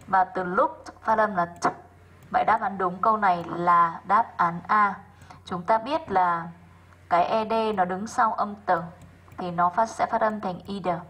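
A woman English teacher, going through worksheet answers in an online class, slowing down to sound out each example word and calling on students by name. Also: medium pitch, steady tone, pushed and bright, breathy edge, poor audio. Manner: methodical, slows down to sound out example words.

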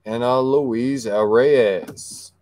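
A man's voice: mid-range voice, drawn-out words, slight background noise. A man hosting a card break, casually reading out player names as he opens packs, sometimes stumbling over them. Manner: reads player names aloud, stumbles on some, yells when excited. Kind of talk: casual card-opening chat.

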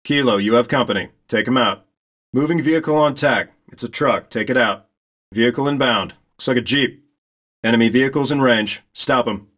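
A man voices a game's military spotter pilot directing ground troops over the radio, speaking at normal speed with a medium-pitched, natural voice. He stays focused and steady under pressure, his lines short, clipped and authoritative.

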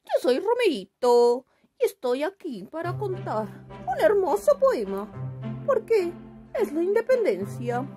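A woman's voice: very high-pitched, sing-song, exaggerated voice. Woman doing Romeito, a sing-song puppet boy. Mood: cheery reciting. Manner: sing-song, dramatic recitation with many drawn-out "oh"s. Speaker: puppet-show poem reciter. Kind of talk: children's puppet show. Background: loud music.

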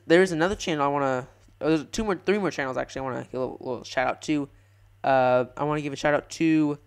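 Young guy rambling through a game commentary, kinda high smooth voice, trips over his words. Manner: rambling, self-correcting, excitable. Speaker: gaming channel host. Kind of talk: live gameplay commentary.

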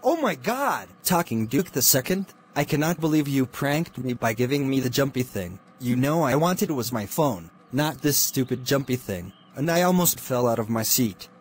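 Brief: computer man voice doing a whiny cartoon cat, flat delivery, mid pitch. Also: moderate pace, few pauses, slightly rough. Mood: indignant. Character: upset young male cartoon cat.

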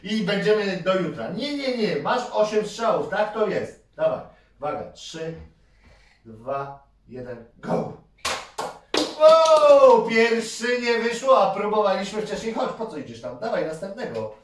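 A man, a father and channel host, giving energetic, cheering toy-game commentary for kids and counting down each try. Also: high voice, moderate pace. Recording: roomy, distant mic, faint noise.

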